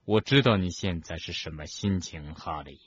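Old male headmaster voiced by a man, gentle, low, soft, slow, husky, lo-fi audiobook. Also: very animated, full character voice.

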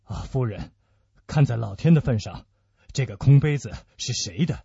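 A man voicing a grave, brooding musketeer who speaks in a low, hushed, heavy way. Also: lively intonation, normal speed, vocal fry, breathy edge, no echo, exaggerated voice. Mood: grim. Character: grave older male musketeer, grim and brooding. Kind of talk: Chinese radio-play acting. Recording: dull lo-fi dry recording.

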